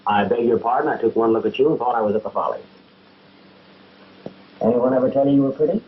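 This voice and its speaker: A male actor plays a smooth-talking, flirtatious medicine-show pitchman in an early talkie film. His patter is grandiose and his voice fairly high for a man. The 1930 soundtrack is dull and thick with noise. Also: fast talker, close to an everyday voice.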